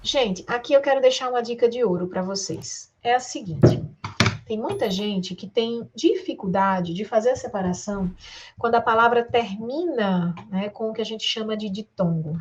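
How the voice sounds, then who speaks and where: A woman's voice: a little high, moderate pace, a little mellow, muffled recording, a little hiss or hum. A woman with a Brazilian accent teaching an exam-prep grammar lesson, stretching words out syllable by syllable and talking straight to her students with rhetorical questions. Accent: Brazilian Portuguese. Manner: addresses students directly, asks rhetorical questions.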